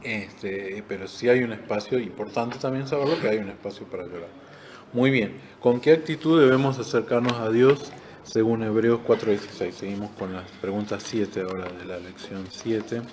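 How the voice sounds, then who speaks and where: Male Bible teacher, Rioplatense accent, lowish voice, conversational, noisy recording. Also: moderate pace, a little mellow. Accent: Rioplatense Spanish. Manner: conversational, explains with examples, fills with "este". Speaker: discipleship teacher. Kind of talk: Bible study class.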